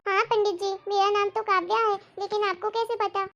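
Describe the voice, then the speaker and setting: Anxious young daughter-in-law , a woman acting: very high voice, emotional, pleading. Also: fairly even intonation, brisk, fairly bright tone, muffled recording. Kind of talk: storytelling role-play.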